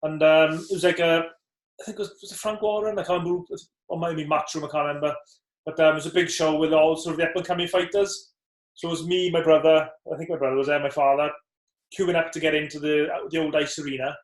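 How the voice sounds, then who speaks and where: A man's voice: on the high side, steady tone, fast talker. A man, a former boxer co-hosting a casual podcast, recalling memories thoughtfully. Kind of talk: casual chat. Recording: roomy echo.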